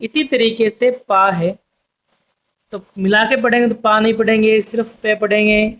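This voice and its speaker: High-voiced man teaching a patient lesson. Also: little pitch movement, normal speed, a bit bright. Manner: patient, repetitive explaining, addresses viewers as friends. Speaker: Urdu teacher. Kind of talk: online language lesson. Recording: dull lo-fi sound.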